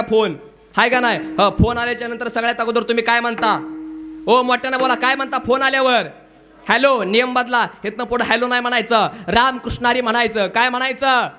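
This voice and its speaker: Man, high voice, bright and forceful, comic kirtan preaching, calls on the crowd. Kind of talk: comic devotional sermon with singing.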